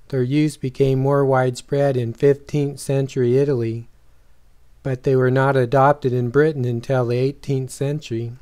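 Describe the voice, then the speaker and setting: A male narrator reads a history course script at a measured, even pace. His voice is warm and resonant, and his delivery stays flat and unhurried throughout. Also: mid-range voice, clear, resonant tone.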